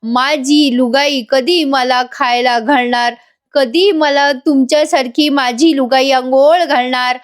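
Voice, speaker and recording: A woman voicing a drunk, self-pitying young man who talks slowly and mixes in Hindi words. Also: high-pitched, fairly even intonation. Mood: tipsy rambling. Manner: slow, slurred, mixing in Hindi words.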